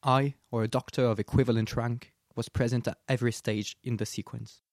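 A male radio guest who explains a passage and then reads from a novel in a calm, measured way. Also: medium pitch, no echo, clean studio sound. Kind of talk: reading a novel aloud.

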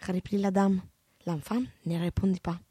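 A woman reads a novel aloud in a calm, measured way. Her voice is mellow and a little husky, recorded close and dry. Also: lowish voice, no room sound. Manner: measured, even literary reading. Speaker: narrator. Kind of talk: audiobook narration of a novel.

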